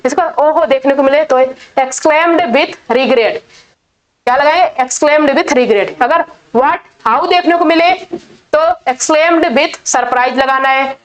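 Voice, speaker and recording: A woman's voice: high-pitched, muffled recording. A woman teaching an English grammar lesson in Hindi, patiently repeating each rule. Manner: slow, patient, repeats key points.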